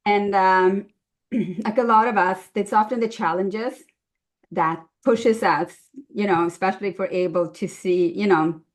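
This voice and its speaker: A woman's voice: mid-range voice, fairly even intonation, a little slow. A woman in her fifties from Sweden, telling her story casually as a podcast guest, with frequent laughs. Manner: chatty, laughs often, many fillers. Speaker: guest nutritionist.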